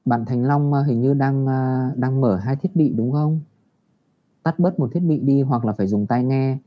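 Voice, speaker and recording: Male teacher over a video call, patient and encouraging with young pupils, drawing out English phrases slowly, muffled sound. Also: mid-range voice, noisy background. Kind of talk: online English lesson for primary children. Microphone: computer mic on a video call. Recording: dull lo-fi video call audio.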